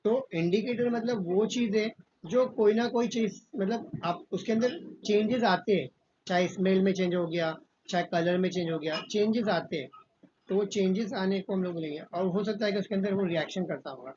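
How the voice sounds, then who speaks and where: A man with a high voice teaches a school chemistry class. He asks the class questions, answers them himself and repeats each key point, calling the students "beta". The recording is dull and lo-fi, with a faint hiss behind it. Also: moderate pace, a little mellow. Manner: calls students "beta", fatherly. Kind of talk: classroom lesson.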